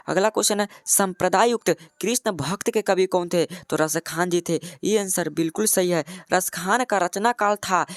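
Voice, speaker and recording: A man's voice: high-pitched, no room sound, studio quality. A man teaching as an exam coaching tutor, repeating each question, then its answer, and calling the listener "my brother".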